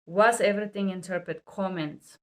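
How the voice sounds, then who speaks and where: A woman who works as a medical and legal interpreter teaches to camera at normal speed in a mid-range voice. Her English is emphatic and non-native, and she bluntly repeats the key rules.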